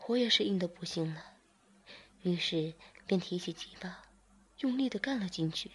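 A woman reading a first-person story in a hushed whisper, slow and airy. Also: lowish voice, lively intonation, husky. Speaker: narrator.

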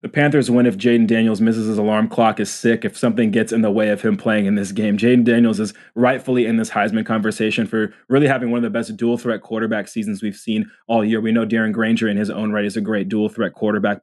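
Fast-talking low-voiced podcast co-host man. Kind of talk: sports podcast analysis.

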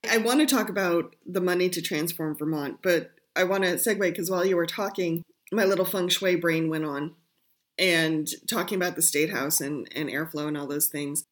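A woman's voice: fairly low pitch, normal speed. A woman hosting a radio talk show, asking musing questions with playful asides. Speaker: radio host. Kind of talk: casual radio interview.

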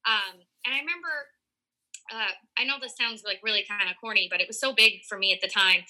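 Young woman guest, very bright voice, chatty testimony full of "like" fillers and quoted dialogue. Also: medium pitch, brisk, rough recording. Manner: animated, many "like" fillers, acts out quoted dialogue. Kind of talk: casual storytelling testimony.

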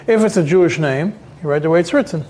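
A somewhat high-voiced man leads a religious text class. He speaks haltingly, circling back and repeating words and fillers as he works through each point. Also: darkish tone. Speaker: rabbi teaching a Talmud class. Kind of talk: explaining halachic texts to a class.

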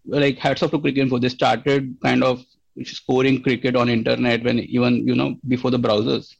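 A man's voice: medium pitch, flat delivery, normal speed, vocal fry. A man, a company founder in an interview, explaining earnestly and often restarting his sentences. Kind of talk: casual interview answers. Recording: slightly dull lo-fi sound.

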